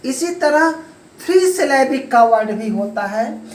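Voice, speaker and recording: A woman teaching an English grammar lesson, explaining slowly step by step and calling the viewers friends. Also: high voice, expressive. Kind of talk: classroom-style grammar lesson. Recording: echoey room, voice from a distance, faint ambience.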